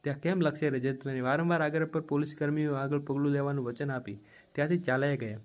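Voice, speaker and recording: A man telling a dramatic family story as a steady, plain storyteller. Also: mid-range voice, brisk.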